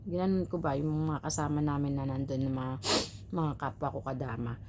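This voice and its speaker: A woman from the Philippines vlogging casually about her work as a household helper. Her voice sits low, and she talks in a chatty, advice-giving way with frequent rhetorical tags. A faint hum of room sound lies behind her. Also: steady tone, normal speed, a little mellow. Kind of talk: casual storytelling to viewers.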